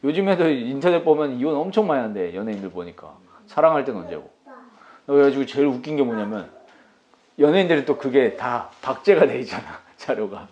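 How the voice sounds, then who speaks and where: A male pastor preaching a sermon with a very lively, animated pitch, talking casually and throwing questions at his congregation. The recording sounds somewhat dull and lo-fi. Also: fairly quick. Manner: conversational preaching with rhetorical questions and laughs.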